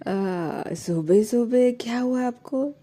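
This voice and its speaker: A woman voicing a shy, teasing young woman, soft-spoken in a low husky voice. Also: slow.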